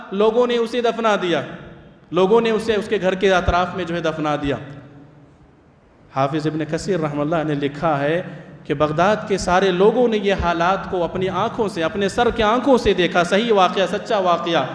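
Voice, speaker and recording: A man preaching a fervent sermon in a mosque, repeating phrases for emphasis. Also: sits high. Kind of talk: Friday sermon. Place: large mosque. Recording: echoey mosque hall with long reverb.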